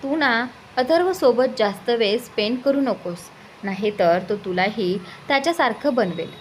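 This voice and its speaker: A woman's voice: on the high side, expressive, normal speed, a little hiss or hum, close to an everyday voice. Woman voicing a teasing young man. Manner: teasing, light.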